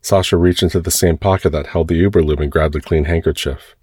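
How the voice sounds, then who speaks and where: A man reads a first-person erotic story in a soft, unhurried voice. His voice is very deep with a husky grain. The recording is close and dry. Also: steady tone, no echo. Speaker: story narrator.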